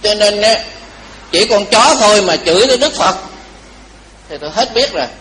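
A man giving a Buddhist dharma talk, telling a story lively and asking the audience questions. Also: sits high, moderate pace, slight background noise, rough recording. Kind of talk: storytelling sermon.

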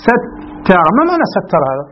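A man teaching an Arabic grammar lesson, drawing out key words slowly and often asking the class whether it is clear. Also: sits high, big pitch swings, a little hiss or hum. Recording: dull lo-fi recording.

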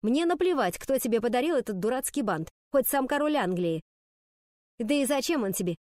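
A woman's voice: on the high side, lively intonation, fairly quick, a little mellow, no room sound, clean studio sound, natural voice. A woman voicing a mocking schoolgirl with a cutting, taunting manner. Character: mocking, sharp-tongued schoolgirl.

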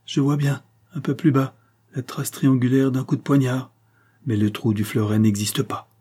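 An elderly steward, loyal but now suspicious, his voice raised above the reader's own and rising to forceful accusation, as a man acts him out in an audiobook. Under the lift there is a dark, husky grain. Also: mid-range voice, fairly even intonation, normal speed, pitched above the performer's own voice, lightly acted. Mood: grave. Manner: trembling hush turning to loud accusation. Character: older male steward, faithful then accusing.

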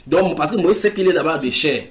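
Animated man preaching a Bible study. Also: fairly high pitch, brisk. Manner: animated, asks the group questions and reads scripture aloud. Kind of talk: house-church Bible teaching.

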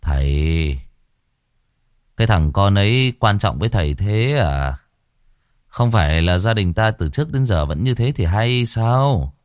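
Casting: a man playing a cold scheming son in a storybook reading, low sneer, dry close sound. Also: animated, unhurried, clean tone, no echo.

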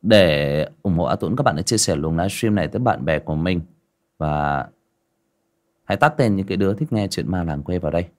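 A man's voice: deep voice, a little fast. A man narrating a village ghost story on a livestream in a conversational way.

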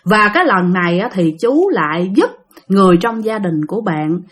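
A woman's voice: medium pitch, expressive, moderate pace. A woman telling a ghost story in a chatty way, often speaking straight to her listeners. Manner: chatty, addresses listeners directly.

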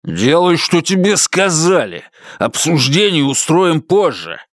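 A man's voice: a little high, sing-song, takes it slowly, dry recording, voice pushed up, full character voice. A snarling, bullying middle-aged husband, put on by a male reader, his voice pushed well up and swinging wildly as he barks orders. The sound is dry and close, with no room around it. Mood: menacing. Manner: shouting, snarling, contemptuous.

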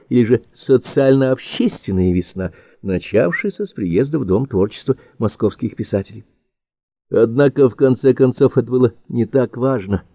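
A man reading an audiobook in a measured, expressive storytelling manner. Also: medium pitch, no echo. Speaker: audiobook narrator. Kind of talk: audiobook narration. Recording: dry, dull-sounding audiobook recording.

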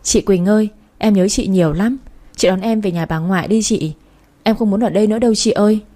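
A woman's voice: medium pitch, a little fast, warm tone, lightly acted. A woman voicing a frightened nine-year-old girl who begs her older sister to take her home. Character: little girl, nine, scared and clinging.

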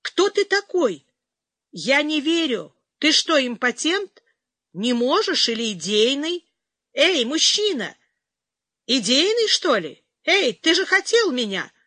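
A woman's voice: very animated, measured pace, no echo, full character voice. A woman reader voicing a young female captive who pleads and bristles with defiance. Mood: shouting. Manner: pleading, turning to shrill shouting.

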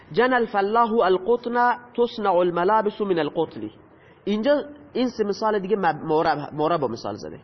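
A man teaching a grammar lesson, patiently explaining and asking his students questions that he then answers himself. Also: high-pitched. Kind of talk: lecture explaining Arabic grammar. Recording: dull lo-fi audio with long reverb.

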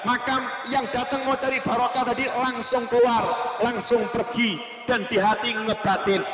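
A man preaching a sermon, telling stories with animated, shouted emphasis. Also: very high voice, unhurried. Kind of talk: sermon at a religious school gathering. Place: large hall or open-air gathering. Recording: echoey hall with long reverb.

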